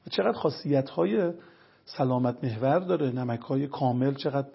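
A man's voice: medium pitch, vocal fry, slightly rough, lo-fi sound. A man talking as a guest lecturer, explaining earnest points one by one and telling stories to make them. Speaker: religious health lecturer guest. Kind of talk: explanatory storytelling talk.

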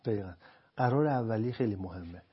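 Husky male counselor, calm explanations, acts out partners' lines, dull lo-fi recording. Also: fairly low pitch. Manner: calm, acts out couples' dialogue. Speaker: couples counselor. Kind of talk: explaining to an interviewer.

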